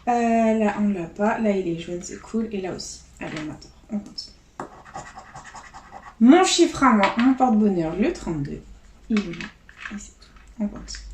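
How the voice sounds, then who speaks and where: A woman with a mid-range voice talks to her viewers in a relaxed, chatty running commentary, steadily calling out one item after another. The room gives her voice a noticeable echo, and a faint noise hums underneath. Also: mid-range voice. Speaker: vlogger.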